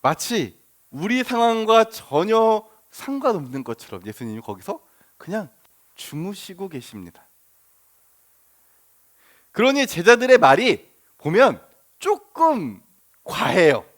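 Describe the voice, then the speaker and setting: Male pastor, high-pitched, conversational sermon delivery, poses questions to the congregation and voices the disciples. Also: huge pitch swings, takes it slowly, long pauses.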